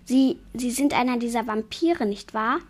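A woman voicing a timid, stammering female yeti who dreams of being a ballerina, in a higher voice than her own. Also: normal speed, close to an everyday voice. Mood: anxious. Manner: anxious, flustered stammering.

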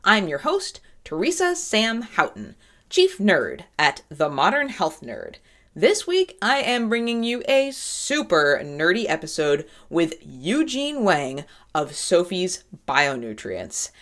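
A woman's voice: lowish voice, big pitch swings, slow, fairly bright tone. A woman hosting a food and health podcast, reading an upbeat scripted intro and then interviewing her guest. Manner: upbeat, self-described nerdy enthusiasm. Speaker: podcast host.

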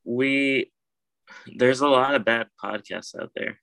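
A man's voice: medium pitch, slow pace, creaky, sharp tone, dry recording, rough recording. A man co-hosting a podcast in casual chat, speaking hesitantly with many fillers. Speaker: podcast co-host.

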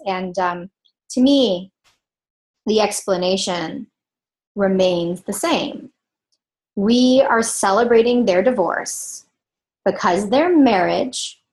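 A woman hosting a podcast as a sexologist, giving candid, emphatic solo commentary with the odd dry laugh. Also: medium pitch.

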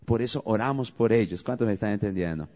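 A man's voice: fairly low pitch, quick pace, dark tone. A man preaching a sermon as pastor, calling out questions to the congregation and leading prayer with rising emphasis.

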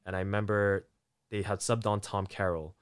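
A man in casual chat, telling a story with animated delivery, acting out quotes and laughing often. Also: fairly low pitch, normal speed, clean tone.

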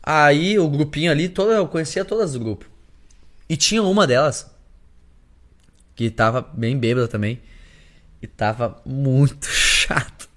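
A young adult man and singer, telling a story in a casual podcast chat, animated and full of slang. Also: fairly high pitch, measured pace, pauses often. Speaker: singer and musician, podcast guest.

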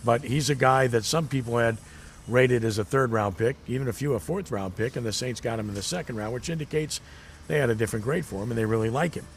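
A man's voice: medium pitch, quick pace, a little hiss or hum. A man hosting sports talk radio, analyzing a draft pick. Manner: conversational, analytical.

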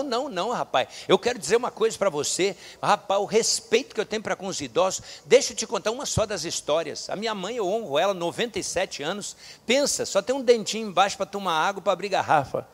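A pastor in his sixties preaching a sermon, folksy and joking, rising to fervent shouts. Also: high voice. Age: 60s. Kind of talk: lively sermon with storytelling.

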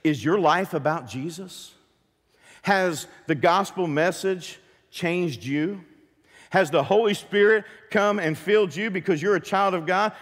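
A pastor preaching a sermon to his church, lively and full of questions to the congregation. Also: sits high, long reverb tail. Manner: animated, asks the congregation many questions. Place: church sanctuary.

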